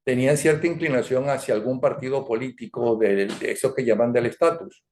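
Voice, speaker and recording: A man's voice: mid-range voice, fairly even intonation, fairly quick, darkish tone, slight background noise. An older man with a Venezuelan accent runs a conversational interview, firing leading questions and wandering into asides. His voice sits mid-range, and the recording carries a noticeable roomy echo. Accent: Venezuelan Spanish. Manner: digressive, leading questions, frequent "¿ok?" and "¿no?" tags. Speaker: interview host.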